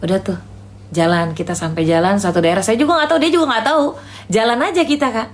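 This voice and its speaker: Speaking fast with a fairly low pitch and wide swings in intonation, a woman Islamic preacher answers questions and gives casual religious advice to a live online room. She calls her listener "Kak" and retells conversations chattily, with a little hiss or hum in the audio.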